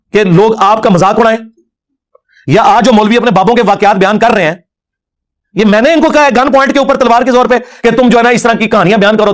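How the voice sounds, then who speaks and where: A man, a religious speaker giving a sarcastic, pointed rebuttal lecture. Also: high voice.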